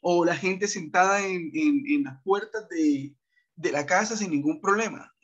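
Brief: coastal man, fairly high voice, teaching on a muffled video call, chatty with many "eh" and "¿sí?" checks. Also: a little slow, fairly bright tone. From Montería, Colombian Atlantic coast. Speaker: English teacher. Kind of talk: online class talk.

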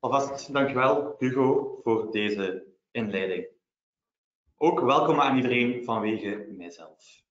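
A Belgian man giving a formal legal lecture, explaining in a measured way with worked examples. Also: medium pitch, lively intonation. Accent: Belgian Dutch. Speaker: lawyer presenting. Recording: roomy, dull webinar audio.

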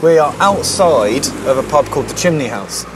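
A man's voice: fairly high pitch, animated, normal speed, noisy background. A man telling rambling stories as co-host of a casual pub-crawl vlog. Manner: rambling anecdotal storyteller. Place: pubs and streets in a busy city. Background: crowd chatter.

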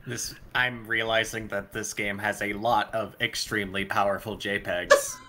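A man's voice: lowish voice, flat delivery, normal speed, pushed and bright. A man co-commentating on a video game in casual chat with dry, crude humour.

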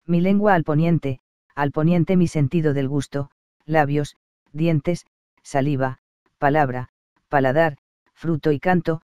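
A man's voice: fairly high pitch, fairly even intonation, measured pace, long pauses, darkish tone, clear, resonant tone, no echo, lo-fi sound, lightly acted. A man reading Kukulkan, a rapturous sun god. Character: sunlike male god, ecstatic, lyrical. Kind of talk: audiobook reading of a verse play.

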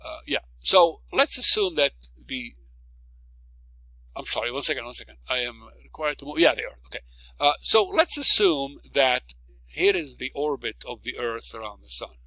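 In a video lecture, a male physics professor speaks at a moderate pace with a bright, lively voice whose pitch rises on each key word he emphasizes. He explains the problem one step at a time, frequently checking in with "okay?". The audio is dry and close-miked, with no room echo.

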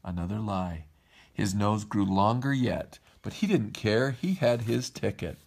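A man's voice: fairly low pitch, measured pace, creaky. A man reading a storybook aloud to his kids, putting on voices for the characters. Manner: lively read-aloud, puts on voices for each character.

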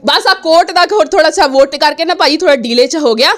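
Angry high-voiced woman. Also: a little fast, a bit bright. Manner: angry, defiant, repeats herself. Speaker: interviewee. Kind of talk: heated interview.

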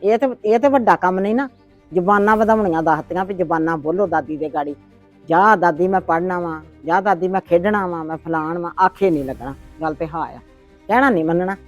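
A woman's voice: lowish voice, brisk, soft background music, lightly acted. A woman playing a nagging old grandmother. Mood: scolding. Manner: complaining, lecturing, sharp-tongued. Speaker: grandmother in a family drama. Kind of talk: homemade family drama acting.

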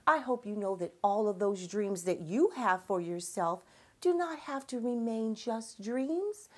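A middle-aged woman hosts a children's read-aloud, telling the story expressively, with emphasis and encouragement. Her voice is fairly high and her pace unhurried.

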